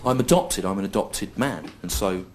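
A middle-aged man performing a stand-up comedy routine on a stage in front of a live audience, with dry, deadpan and repetitive phrasing. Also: low voice, moderate pace. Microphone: stage microphone. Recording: live show recording with audible noise. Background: audience laughter.

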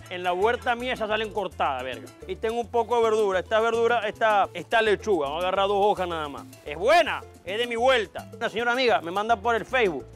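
A man's voice: sits high, a bit bright. A man playing a boastful, tipsy TV cook with a Venezuelan accent who swears constantly and brags about his garden. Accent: Venezuelan Spanish. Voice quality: swaggering, swears constantly, rowdy exclamations. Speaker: comic cooking-show character. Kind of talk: sketch comedy acting.

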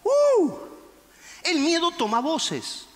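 A male pastor preaching a fervent sermon, shouting and acting out the quotes. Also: extremely high pitch, sing-song, measured pace, big-room sound. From Argentina.

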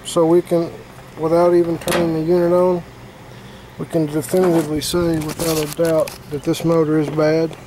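Standing by an air-conditioning unit outside, a man working in HVAC talks through a repair step by step, casual and filler-heavy. His slightly high voice is monotone at a moderate pace, over a noisy background.

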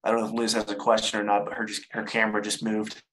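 A man's voice: fairly low pitch, completely flat delivery, fast, fairly bright tone, rough recording. Casual man teaching a live webinar. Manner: casual, repeats words while explaining. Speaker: online seller giving a webinar.

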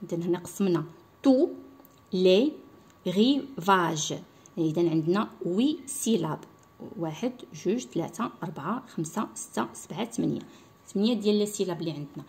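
A young woman with a Moroccan accent teaching a primary French lesson online, explaining in Darija and reading French lines slowly, syllable by syllable. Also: fairly low pitch, lively intonation, darkish tone.

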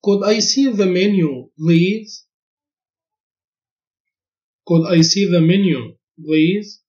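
A man reads lesson phrases at a very slow, careful pace, repeating each one twice. His voice sits fairly high for a man. The recording sounds dull and lo-fi. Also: a little mellow. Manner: each phrase spoken twice, clearly and deliberately. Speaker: language teacher.

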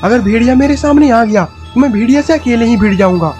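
A man's voice: very high-pitched, animated, fast talker, a little mellow, soft background music. A man voicing a young male cartoon hero who is cautious and bent on revenge, giving urgent warnings.

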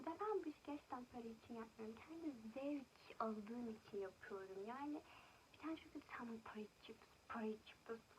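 A young woman talks through a casual makeup vlog, her voice sitting a little high. She vents in an indignant tone and often slips into half-whispered asides. The home recording carries clear background noise and room ambience. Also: poor audio. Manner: venting, indignant, drifting into soft whispers. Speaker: vlogger.

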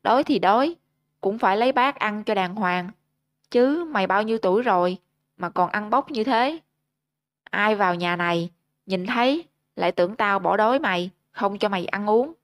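Lady doing a stern old dad in a ghost story, gruff and scolding, dry close sound. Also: mid-range voice, measured pace, dry recording, lightly acted. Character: stern aging rural father.

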